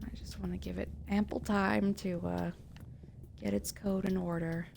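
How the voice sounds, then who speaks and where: Casting: female game streamer, mid-pitched with heavy fry, chatting informally and muttering to herself. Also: level tone, moderate pace, a little mellow, a little hiss or hum. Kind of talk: casual livestream chat, reading game dialogue aloud.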